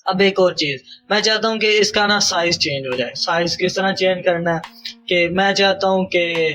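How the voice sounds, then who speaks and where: A man's voice: high voice, bright, forceful tone. A young man with a Pakistani Urdu accent teaches a programming tutorial while working on screen. He explains step by step, mixes in English coding terms and often checks in with "theek hai?".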